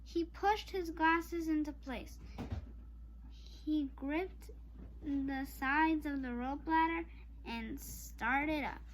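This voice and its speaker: Reading very slowly in a high voice, a child works through a children's chapter book for online viewers. The manner is informal, with apologies and words spoken straight to the audience. The rough recording has a little hiss or hum.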